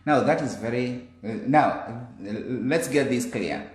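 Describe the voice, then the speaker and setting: Male interview host, enthusiastic, echoes guest's answers, mid-pitched voice, roomy echo. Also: unhurried.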